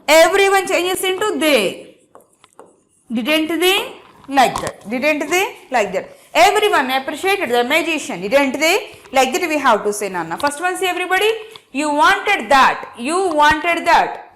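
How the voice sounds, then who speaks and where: A woman with a Telugu accent teaching an online grammar lesson, her voice very high and bright. She dictates each example word by word at a slow, careful pace, then races through explanations in Telugu mixed with English. She repeats the key words and keeps checking that students follow.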